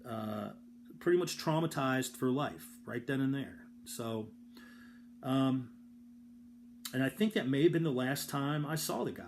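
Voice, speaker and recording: A man spinning a rambling, profane yarn about himself, playing up his own misery for laughs. His voice sits at an ordinary middle pitch, and a faint hum runs under the recording. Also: lively intonation, measured pace, long pauses, darkish tone. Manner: rambling, profane, self-deprecating with comic exaggeration; frequent restarts and filler words. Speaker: storyteller host. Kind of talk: casual personal storytelling.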